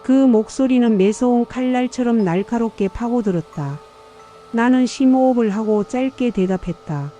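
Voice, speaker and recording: An older woman narrating a first-person audiobook story in a measured, somber way. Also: fairly high pitch, warm tone, faint music behind.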